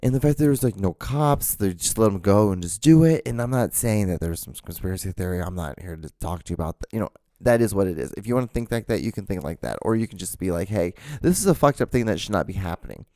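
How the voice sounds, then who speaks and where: A man from Honduras hosting a podcast, talking through a casual monologue in an emphatic, halting way, with many restarts and fillers. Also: deep voice, lively intonation, mellow, no room sound, clean studio sound. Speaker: podcast host.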